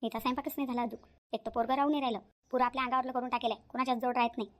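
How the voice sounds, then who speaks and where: A woman's voice: fairly high pitch, flat delivery, very fast, natural voice. A woman voicing an overworked, complaining young daughter-in-law in a cartoon.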